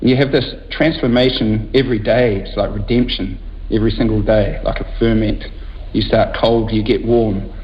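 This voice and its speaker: A man speaking as a guest winemaker, reflecting lyrically on the land and the seasons in a relaxed chat. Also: fairly low pitch, normal speed. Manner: reflective, lyrical about landscape. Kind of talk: casual interview chat. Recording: dull lo-fi with faint noise.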